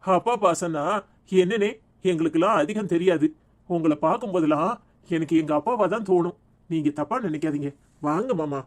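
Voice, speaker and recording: A performer voicing a gentle, devoted young husband in a cartoon serial, speaking with a Tirunelveli Tamil accent in an earnest, soothing way. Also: mid-range voice, brisk, natural voice. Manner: soothing, earnest, indignant at the mother-in-law.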